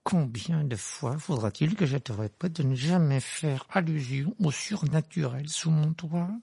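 Storybook uncle, heavyset, blustering and easily outraged, put on by a male reader, drawn-out indignant lines, raised and gravelly. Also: fairly high pitch, big pitch swings, dry recording, pitched above the performer's own voice, exaggerated voice. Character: blustering irritable middle-aged uncle, heavyset man.

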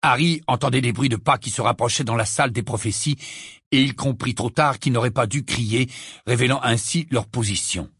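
Husky male audiobook narrator. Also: medium pitch, fairly quick, no echo, clean studio sound. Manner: dramatic expressive reading. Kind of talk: audiobook reading.

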